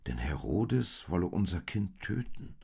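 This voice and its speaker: A man voicing a doubting young husband in a storybook, calm and reasoning, in a low gravelly voice. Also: a little slow, heavily acted. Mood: thoughtful.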